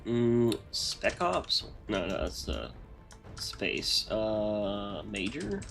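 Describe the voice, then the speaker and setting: A man's voice: on the low side, expressive, extremely slow, creaky, faint music behind. A man with a congested, nasal voice, chatting casually on a live stream as he rambles through his modding work aloud.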